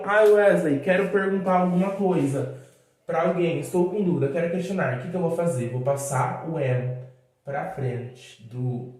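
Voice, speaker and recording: A man's voice: on the high side, a little mellow. A man with a Brazilian Portuguese accent giving a casual, chatty video lesson as an English teacher, drawing out words as he writes on the board. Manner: chatty, drawn-out words while writing on a board. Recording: very echoey room.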